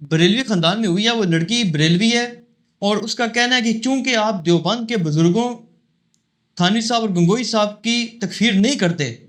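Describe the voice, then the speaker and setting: A man reading out audience questions to a scholar in a plain, measured way. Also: sits high, fairly bright tone.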